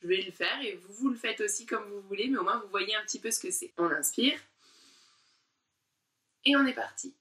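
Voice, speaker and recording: A woman teaching a diction warm-up lesson, articulating syllables slowly and with exaggerated care while guiding exercises. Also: medium pitch, reverberant, recorded from a distance. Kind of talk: online speech warm-up lesson.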